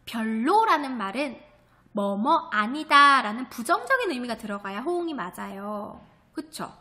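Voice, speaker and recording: A woman's voice: fairly high pitch, very animated, a little slow, sharp tone. A woman elementary school teacher giving an online video lesson, reading a story aloud and patiently asking the class questions before answering them herself.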